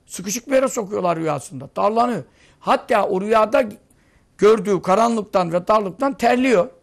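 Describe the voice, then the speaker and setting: A man's voice: sits high, animated, moderate pace, vocal fry. A man giving a sermon, telling vivid stories and asking rhetorical questions. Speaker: preacher.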